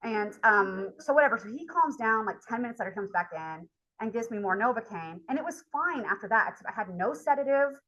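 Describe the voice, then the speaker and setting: A woman's slightly high, animated voice, fairly bright and a little fast, tells a meandering personal story during a casual college lecture. She's chatty and uses lots of filler words, and the audio is dull.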